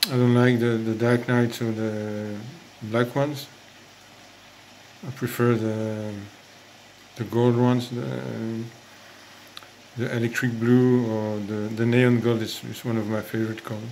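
A man's voice: medium pitch, little pitch movement, slow, a little mellow, slight background noise, rough recording. A man with a French accent talking casually about his fish breeding, hesitant and full of fillers and restarts. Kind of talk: casual hobby vlog.

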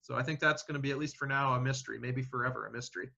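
A man's voice: medium pitch, steady tone, very fast, creaky, sharp tone. A man, a paleontologist guest, answering questions in a casual interview, thinking aloud with many fillers and restarts. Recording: dull lo-fi audio.

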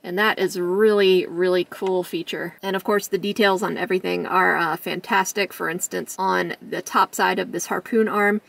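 A woman's voice: lowish voice, fairly even intonation, normal speed, creaky, hardly any pauses, a bit bright, distant mic. A woman reviewing toys in a chatty, jokey way, laughing often. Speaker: toy reviewer. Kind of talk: casual toy review.

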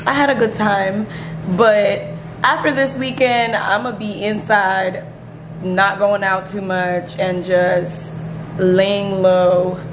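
A woman's voice: medium pitch, level tone, slow pace, noisy background. A woman talking casually and upbeat in slangy vlog chat, her voice a little worn. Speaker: vlogger.

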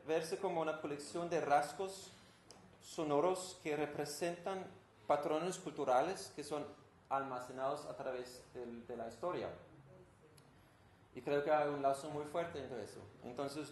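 Danish composer with a Danish accent, giving an informal talk to an audience, roomy sound with faint background noise. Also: male voice, fairly high pitch. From Denmark. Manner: engaged, asks the audience questions, searches for Spanish words. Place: room with an audience.

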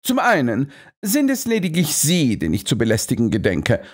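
A man's voice: medium pitch, huge pitch swings, normal speed, breathy edge, voice pushed up. A man reading an audiobook, voicing a shrewd Victorian detective who speaks in a polite, coolly precise and ironic way. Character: shrewd male Victorian detective, calm and cutting.

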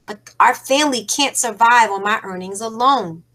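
A woman's voice: a little high, normal speed, a bit bright, close to an everyday voice. Woman reading as a weary coal-miner father. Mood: earnest. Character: tired coal-miner father, older man, sorrowful.

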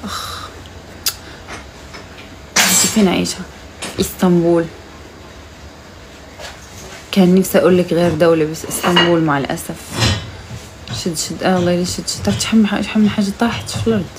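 A young Moroccan woman with a Moroccan accent, chatting casually and teasingly on a live stream, now and then calling out loudly to her mother. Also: lowish voice, steady tone, a little fast, pauses often, background noise.

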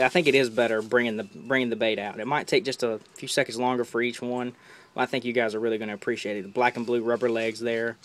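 A man's voice: medium pitch, a little hiss or hum. A young man casually chatting while unboxing gear, enthusiastic and rambling, often repeating words, on a camera held close. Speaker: fishing vlogger.

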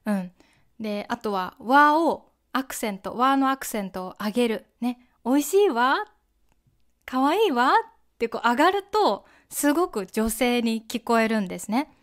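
A young woman hosting a language podcast, explaining grammar in a gentle, friendly teaching manner and acting out example phrases. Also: a little high, animated, normal speed. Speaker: podcast host teaching Japanese. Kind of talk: slow, clear explanation for learners.

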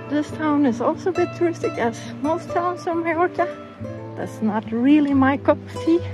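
A middle-aged woman casually narrating her sailing vlog aboard a boat, relaxed and chatty, with frequent restarts and fillers. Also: high voice, poor audio. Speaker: sailing vlogger. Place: on a sailboat at sea. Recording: music playing under the voice.

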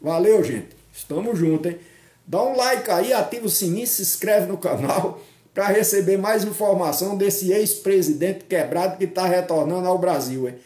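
An older man from Northeast Brazil speaks at normal speed in a high, darkish voice with a roomy sound. Outdoors on a tree-lined park road, phone camera at arm's length, he does a casual political commentary vlog, chatty and mocking, tagging sentences with questions.

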